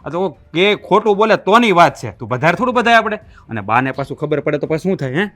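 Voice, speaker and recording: An actor with a Kathiawadi Gujarati accent playing a meek village husband who keeps trying to calm his wife. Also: on the high side, quick pace. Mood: coaxing. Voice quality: soothing, pleading, tries to calm her. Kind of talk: Gujarati family drama acting.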